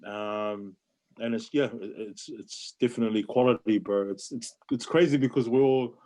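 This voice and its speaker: Male, late 40s, New Zealand accent. Candid, earnest podcast guest, mid-pitched, casual and repetitive for emphasis. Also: fairly even intonation, moderate pace, a little mellow. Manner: earnest, repeats phrases for emphasis, peppers talk with "bro". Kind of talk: casual, candid personal chat.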